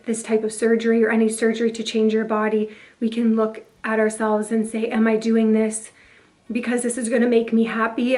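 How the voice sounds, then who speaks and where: A woman vlogger talking earnestly and confidingly to camera, her voice hoarse and partly lost after a breathing tube. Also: a little high, a little mellow. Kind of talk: earnest personal talk to camera.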